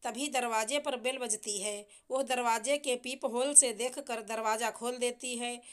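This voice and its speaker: A woman narrating a moral story in a measured, even reading. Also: fairly high pitch, clear, resonant tone.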